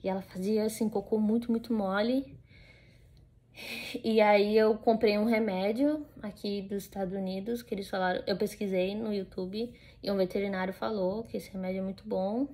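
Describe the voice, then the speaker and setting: A young woman with a Brazilian Portuguese accent talks straight to the camera from her home. Her voice sits at a middle pitch. She rambles along in a relaxed, casual way, full of fillers and restarts. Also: normal speed. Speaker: vlogger.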